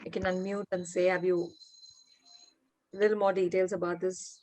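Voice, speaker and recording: A woman's voice: lowish voice, level tone, normal speed. Woman leading an online workshop. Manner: warm encouraging, asks participants questions. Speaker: workshop facilitator and founder. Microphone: video call.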